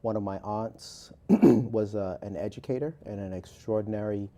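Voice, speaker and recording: A Barbadian author in his forties, appearing as a guest, answers interview questions in a measured, thoughtful way with lots of filler pauses. His voice is lowish and mellow.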